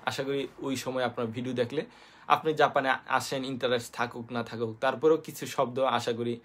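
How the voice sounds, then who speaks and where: A man from Bangladesh with a Bangladeshi Bengali accent, hosting a casual live-stream lesson on basic Japanese. He talks hesitantly with many fillers, spells letters out slowly, and greets viewers by name. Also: medium pitch, steady tone. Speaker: host teaching basic Japanese.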